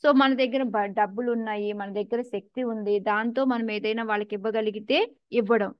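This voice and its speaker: A woman's voice: mid-range voice, no echo, muffled recording. A woman with a Telugu accent teaching a scripture class in a conversational way, asking her listeners questions and mixing in English words.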